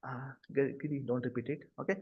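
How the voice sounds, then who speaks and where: This Indian-accented man teaches cloud computing live over a video call, regularly checking that students follow with brief questions. He speaks fast at a medium pitch with fairly even intonation and a breathy edge, and the audio is dull and lo-fi.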